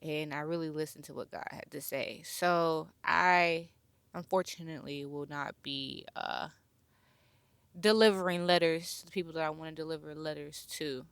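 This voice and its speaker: A young woman hosting her own podcast, talking slowly and reflectively in a personal, heartfelt monologue and pausing to search for words. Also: low voice, steady tone, gravelly, clear, resonant tone, dry recording. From born near Chicago, raised near Atlanta. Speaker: podcast host.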